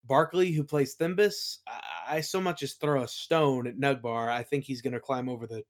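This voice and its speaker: A man with a medium-pitched, steady voice speaks at a moderate pace as an interview guest, chatting casually. He's a game master and audio play creator, and his anecdotes ramble in a colloquial way as he acts out the remarks he quotes.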